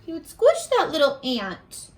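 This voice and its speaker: A primary school teacher with a high voice leads an animated read-aloud lesson for young children, asking questions and pausing for their answers.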